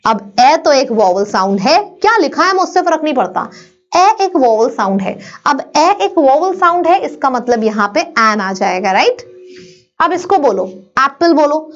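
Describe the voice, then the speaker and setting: Woman teacher, high voice, slightly muffled lo-fi recording, quizzing and answering herself. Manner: drills students, asks and answers own questions. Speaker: English grammar teacher. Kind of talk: online grammar lesson.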